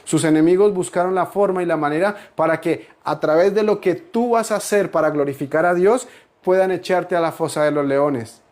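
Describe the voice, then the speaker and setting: A man's voice: fairly high pitch, normal speed, a little mellow. A male pastor preaching a sermon, building emphasis with repeated phrases and rising peaks.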